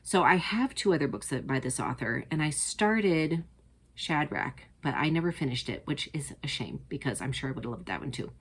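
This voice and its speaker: A woman's voice: low-pitched, lively intonation, normal speed, fairly bright tone, slight background noise. A woman hosting a knitting podcast, chatting casually and enthusiastically with plenty of fillers. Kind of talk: casual chat to camera.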